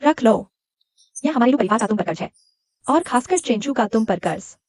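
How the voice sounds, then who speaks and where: A woman's voice: a little high, lively intonation, normal speed, darkish tone, no echo, studio quality. A woman voicing a doting wealthy grandmother in a dubbed drama, eager and fussy.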